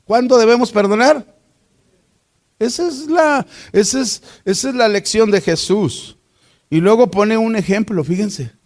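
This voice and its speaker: Man, Mexican accent, high voice, Bible class teacher, questions to the class. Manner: deliberate, asks the class rhetorical questions.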